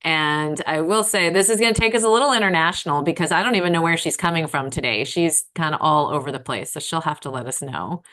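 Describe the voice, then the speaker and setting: A woman's voice: sits low, fast talker, few pauses, sharp tone. Chatty woman co-hosting a podcast. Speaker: podcast co-host. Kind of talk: casual podcast chat.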